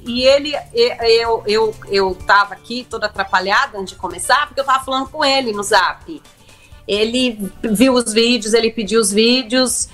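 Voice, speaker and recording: A young woman with a fairly high, slightly bright voice, appearing as a guest and reality show contestant, tells an emotional story in a chat. She sounds breathless, acts out quotes, and restarts often.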